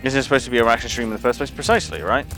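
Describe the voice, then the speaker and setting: A man's voice: mid-range voice, racing, pushed and bright, soft background music. A man ranting casually and profanely on a gaming livestream, rambling with lots of restarts. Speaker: gaming streamer.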